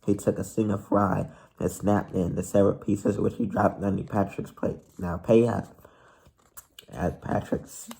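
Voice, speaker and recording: A man's voice: fairly low pitch, vocal fry, mellow. A man reading a children's novel aloud who stumbles and restarts now and then. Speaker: reader of a novel.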